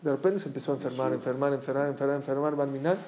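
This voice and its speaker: A man giving an animated, storytelling Torah lesson as a rabbi, often asking his listeners questions. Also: medium pitch, rapid-fire, a little hiss or hum. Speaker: rabbi teaching a Torah class.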